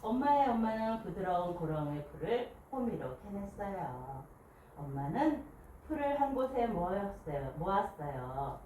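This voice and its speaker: A woman's voice: medium pitch, very animated, measured pace, mellow. A woman reading a picture book aloud to a small group, telling it expressively and asking the listeners questions. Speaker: picture book reader at a book club. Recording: echoey room, distant mic, faint hiss.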